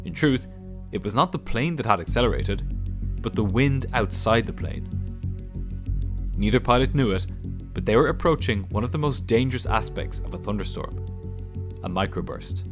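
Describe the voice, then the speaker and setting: A man giving scripted documentary narration in a measured, explanatory way. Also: on the low side. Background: music.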